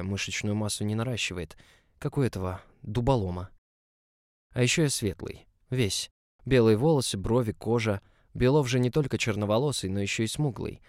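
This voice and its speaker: Calm low-voiced male audiobook narrator. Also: dry recording, clean studio sound. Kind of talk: first-person audiobook narration.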